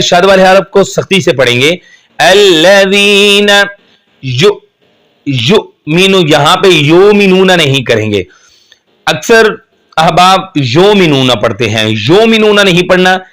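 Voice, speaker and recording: A man teaching Quran recitation in Urdu, who patiently explains the rules step by step and then chants the verses slowly and melodically. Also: fairly high pitch, fairly bright tone. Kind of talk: slow step-by-step tajweed lesson.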